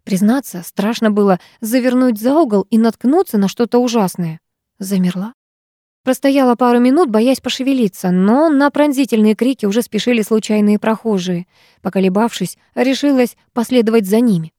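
A woman narrating a first-person audiobook story in a measured, expressive way. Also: on the high side, no echo, studio quality.

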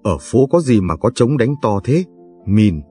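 A man reading aloud, voicing a frail, deaf, half-blind old village man who talks slowly and sounds puzzled. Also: lowish voice, very animated, dark tone, slightly rough, soft background music, full character voice. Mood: chatty. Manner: slow and puzzled.

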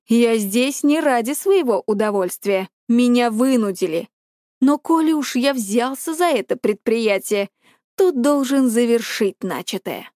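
A woman voicing a bold young male hero who speaks slowly and mockingly. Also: a little high, lively intonation, darkish tone, no room sound, studio quality. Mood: cocky.

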